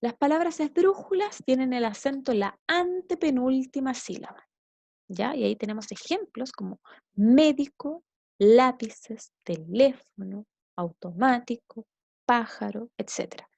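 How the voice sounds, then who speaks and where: A woman's voice: high-pitched, expressive, normal speed, gravelly, a little mellow, dry recording, highs cut off. A woman teacher with a Chilean Spanish accent, explaining a grammar lesson and checking understanding with short tag questions. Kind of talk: recorded classroom lesson.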